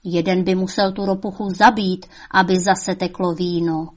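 A woman's voice: fairly low pitch, flat delivery, close to an everyday voice. A woman voicing the devil's old mother, a cunning woman who scolds shrilly and coaxes sweetly. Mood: coaxing.

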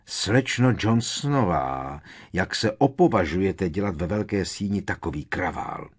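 A stern older female professor who barks out short, clipped reprimands, as a male narrator puts her on. Her voice is husky and sits low for a woman. She tolerates no argument. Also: lively intonation. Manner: clipped, sharp, scolding.

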